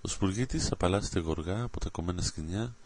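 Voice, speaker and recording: A man narrating a children's adventure story aloud, in a steady, dramatic reading. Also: sits low.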